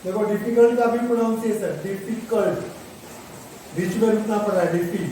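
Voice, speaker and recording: A man teaching an English grammar lesson, slowly spelling words out letter by letter. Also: high voice, warm tone, recorded from a distance. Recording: echoey room, faint traffic noise.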